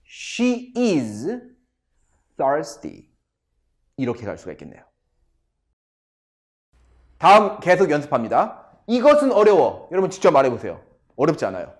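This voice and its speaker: Male teacher, slightly high voice, very animated intonation, unhurried delivery. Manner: drills sentences slowly, addresses viewers directly. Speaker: English teacher. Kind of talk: English grammar lesson.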